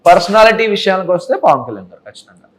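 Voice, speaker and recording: A serving soldier from India sits for a casual interview, a man who talks earnestly and drops English phrases into his sentences. His voice sits a little high for a man, and he rattles his words off at a very fast clip. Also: very animated.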